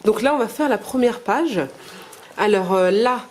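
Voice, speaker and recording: A woman homeschooling her young children, talking to camera in a halting way and explaining lessons patiently. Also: a little high, expressive, a little hiss or hum. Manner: patient, gentle teaching, slow explanations; hesitant, halting speech to camera. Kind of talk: casual home-schooling vlog and lesson.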